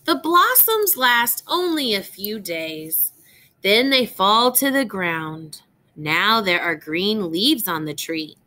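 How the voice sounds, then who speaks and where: This female teacher, speaking in a mid-range voice, shares a picture book aloud with young children. She brings expression and clear enunciation to the reading, stopping to explain and to ask the children questions.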